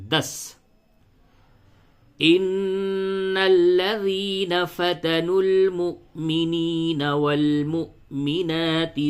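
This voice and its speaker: A man teaching Quran recitation rules, patiently repeating each point step by step and slowly chanting verses. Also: a little high, bright, forceful tone. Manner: slow melodic chanting when reciting verses. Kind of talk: tajweed lesson, spelling out letters and reciting.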